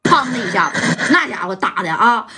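A woman with a Northeastern Mandarin accent telling a gangster story in a lively, colloquial way, with spoken sound effects. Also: a little high, brisk, breathy edge.

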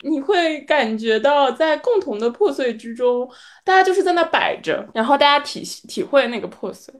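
A woman podcast host reflecting on her reading year in casual chat, laughing often between thoughts. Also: a little high.

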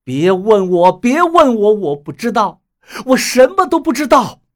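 A man voicing an anguished young man in an audiobook, shouting in a high, strained voice. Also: very animated, normal speed, heavily acted. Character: desperate young man, crying out.

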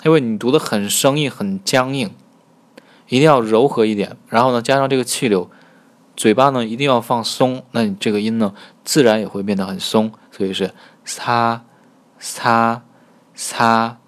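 A man teaching Korean pronunciation in a recorded lesson, patiently demonstrating sounds slowly and repeating them. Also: medium pitch.

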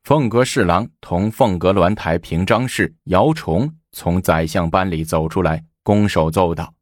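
A man narrating a historical story in an expressive storytelling manner. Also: low voice, measured pace, no room sound, studio quality.

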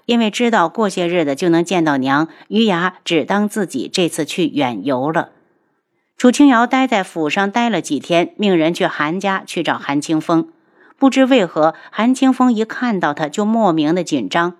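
A woman narrating a web novel audiobook in a steady storytelling read. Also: fairly low pitch, normal speed.

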